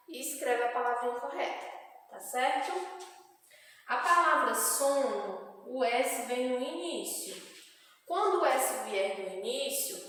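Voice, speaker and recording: Slow-teaching Brazilian woman, echoey room. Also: high voice, a bit bright, slight background noise. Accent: Brazilian Portuguese. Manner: slow, clear, syllable-by-syllable teaching. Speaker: primary school teacher. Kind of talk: spelling lesson dictation review. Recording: echoey room with long reverb.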